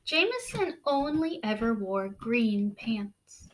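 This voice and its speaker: A woman teacher reads a picture book aloud to children, deliberate and expressive, stressing key words. Her voice is on the high side, and the audio quality is poor.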